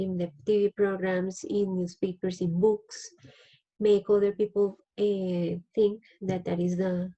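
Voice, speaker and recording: A woman's voice: medium pitch, mellow, rough recording. A woman teacher with a Colombian Spanish accent, a native Spanish speaker leading a class discussion.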